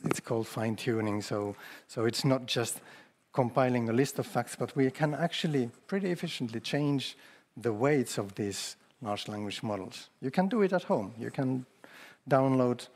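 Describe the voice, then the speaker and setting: A man's voice: medium pitch, a little slow, a little mellow. A man giving a casual conference talk, repeating his words and speaking with conviction. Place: event hall. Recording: long hall reverb from a public address system.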